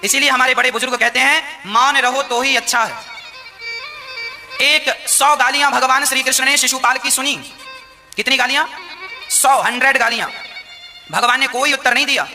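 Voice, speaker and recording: A male preacher gives a devotional katha sermon in a very high, bright, ringing voice. He tells stories with acted quotes and repeats phrases for emphasis. His voice echoes in a reverberant hall, with faint violin music behind. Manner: expressive storytelling with acted quotes and repetition.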